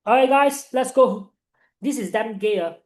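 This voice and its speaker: A young man with a Malaysian accent tutoring online in informal, Singlish-like English full of local particles, animated and encouraging. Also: extremely high pitch, unhurried, echoey room. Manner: animated, encouraging, peppering talk with "right" and "ah". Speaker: chemistry tutor.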